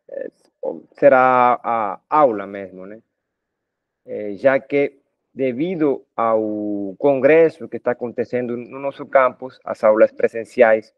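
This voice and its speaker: A middle-aged Colombian man with a Spanish-speaker's accent gives a math lecture in a casual, conversational way. He keeps checking in with his students through little tag questions. The recording is dry and close, with a muffled, lo-fi tone and a voice of middling pitch. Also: no echo. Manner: talkative, addresses students informally with frequent tag questions. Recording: dull lo-fi dry sound.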